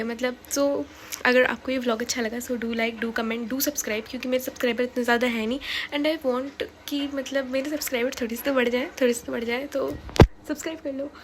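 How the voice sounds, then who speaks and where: Teenage girl from India, high voice, chatty and laughing, casual vlog, faint room ambience. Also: fairly bright tone, slight background noise. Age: teens. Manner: chatty, laughing often, mixes English into Hindi. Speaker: student vlogger. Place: bedroom, on bed.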